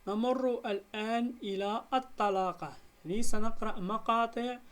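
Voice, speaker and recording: A woman teacher with a Moroccan accent, reading a beginners' Arabic lesson slowly and deliberately, breaking words into syllables and stretching them out. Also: a little high. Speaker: primary school teacher.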